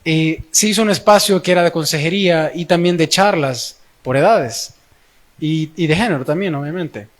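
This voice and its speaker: A man's voice: a little high, normal speed. A young man with a Salvadoran accent telling a personal testimony in a sermon, using casual slang and acting out dialogue. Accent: Salvadoran Spanish. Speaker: young preacher.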